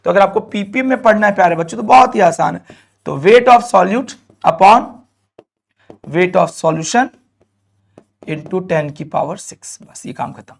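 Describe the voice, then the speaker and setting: Male teacher, high voice, lively coaxing lecture, draws out key terms. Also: gravelly. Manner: lively, coaxing, often asks students questions; stretches out key terms slowly. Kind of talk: classroom lecture to students.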